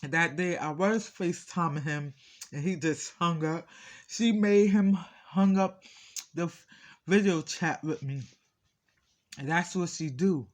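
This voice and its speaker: A man telling a personal story in a casual mukbang style, talking with his mouth full in short, halting phrases, aggrieved and repeating himself insistently. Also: fairly high pitch. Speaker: vlogger.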